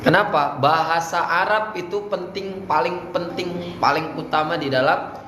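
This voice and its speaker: Male speech coach, casual, chants sample lines, higher voice, echoey room. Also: unhurried, pushed and bright. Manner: casual, demonstrates Arabic recitation in a chanting voice. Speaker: teacher coaching students in Islamic speech contest. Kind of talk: coaching lesson with demonstrations. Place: indoor room at an Islamic boarding school. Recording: echoey room, faint background noise.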